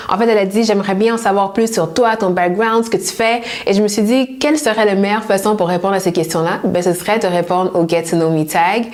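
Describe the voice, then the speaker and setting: Young québécois woman chatting on her vlog, lots of ums, relaxed and friendly. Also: a little high. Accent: Québécois French. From Canada. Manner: chatty, hesitant with fillers. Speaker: YouTube host. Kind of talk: casual Q&A vlog.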